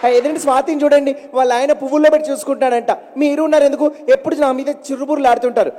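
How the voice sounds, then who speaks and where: A man voicing a nagging, sulky young wife, in a shrill, complaining, wheedling voice. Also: steady tone, racing, warm tone. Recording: reverberant stage PA sound.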